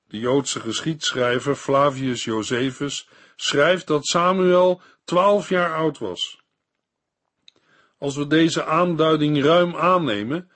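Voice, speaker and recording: Brief: male Bible teacher, slow measured commentary, slightly high, breathy.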